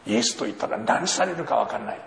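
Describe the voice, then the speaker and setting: A male preacher delivers a sermon as an animated storyteller, his pitch leaping high and low. His voice is slightly raised and gravelly. Long hall reverb and a faint ambience surround him in a church hall. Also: quick pace, a little hiss or hum. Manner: animated storyteller who acts out dialogue. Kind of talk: sermon with acted anecdotes.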